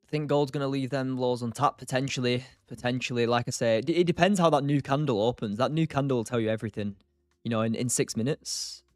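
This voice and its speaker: A man's voice: mid-range voice, fast, a little mellow, no room sound, clean studio sound, faint music behind. A tired man hosting a live stream, thinking aloud and answering chat in a loose, casual way. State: tired, short on sleep. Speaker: streamer, day trader.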